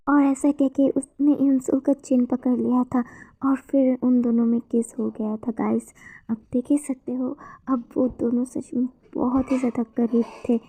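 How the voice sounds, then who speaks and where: A woman's voice: high-pitched, vocal fry, no room sound. A woman narrating a comic romance story in a casual, chatty way, talking to her viewers. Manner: chatty, addresses viewers as guys. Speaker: manhwa recap narrator. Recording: dull lo-fi dry recording.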